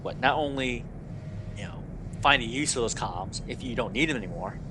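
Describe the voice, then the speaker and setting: A man's voice: mid-range voice, normal speed, background noise. A man chatting on a casual gaming podcast, hesitant and rambling, with many "you know"s and restarts.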